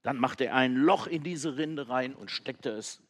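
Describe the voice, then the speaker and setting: Männlicher Märchenerzähler, gemächlich, mittlere Stimmlage. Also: male voice, medium pitch. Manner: slow, lively storytelling. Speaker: storyteller. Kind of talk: children's story narration.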